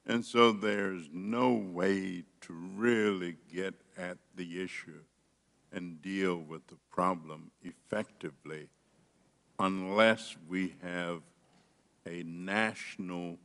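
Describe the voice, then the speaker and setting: Slow, very deep-voiced male politician orating. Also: creaky, a bit bright. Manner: politician's deliberate, emphatic oratory with dramatic pauses. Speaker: politician, member of Congress. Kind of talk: politician's speech at a legislative hearing. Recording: reverberant hearing room.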